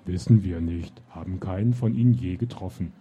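A booming slow giant, played by a man. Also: dark tone, slightly rough, muffled recording. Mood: gruff. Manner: slow, heavy, booming speech. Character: huge booming male giant, gruff and blunt.

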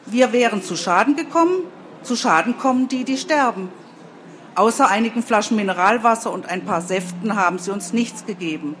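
A woman's voice: mid-range voice, animated, a little fast, fairly bright tone, slight background noise, natural voice. A woman voicing a proud, cheeky rural man who has lost his home in a flood and complains and boasts. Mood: indignant.

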